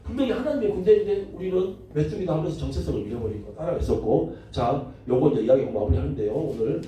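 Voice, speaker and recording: A man's voice: a little high, quick pace, slight background noise. Man teaching Bible in an echoey hall. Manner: lively storytelling, jokes, acts out quotes. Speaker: pastor teaching a Bible class. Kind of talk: Bible lecture. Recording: very echoey room, mic far off.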